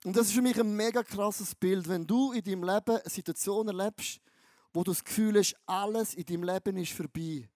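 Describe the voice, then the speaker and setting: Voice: mid-range voice, fairly quick, a little mellow, dry recording. Preacher, punchy and repetitive, very dry close sound. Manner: emphatic and repetitive, with slang-laden storytelling. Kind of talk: sermon.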